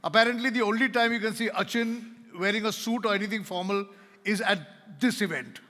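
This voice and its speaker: A man co-hosts an onstage roast, calling up each guest with a small jab. His voice sits very high and bright. A large hall's reverb trails each line. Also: steady tone, brisk. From India. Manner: introducing guests one by one with gentle jabs. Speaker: co-host. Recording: reverberant event hall.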